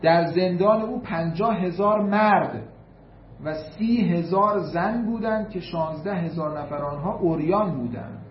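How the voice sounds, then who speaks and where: Iranian male preacher telling a history story, slightly high voice, roomy and a bit dull recording with faint noise. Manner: recites classical Arabic quotations then translates them; emphatic, repeats figures for weight. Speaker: religious lecturer. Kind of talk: storytelling sermon.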